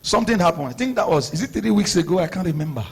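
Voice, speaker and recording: A middle-aged man with a Nigerian accent, preaching a sermon as a story, animated, laughing and shouting for emphasis. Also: high voice, rapid-fire, breathy edge. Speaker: pastor.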